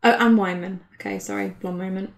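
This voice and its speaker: This is a young woman in her twenties doing relaxed commentary on a card tournament game. Her talk is chatty and full of fillers, and giggles come easily to her. Her voice sits at an ordinary middle pitch for a woman. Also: fast, creaky. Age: 20s. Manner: giggly, chatty, laughs often. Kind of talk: casual live match commentary.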